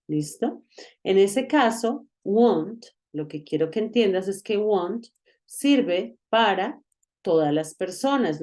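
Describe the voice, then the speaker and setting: Slow, mellow-voiced woman teaching grammar. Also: fairly low pitch. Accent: Colombian. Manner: patient, explains slowly with many checks for understanding. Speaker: English teacher. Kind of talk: online grammar lesson.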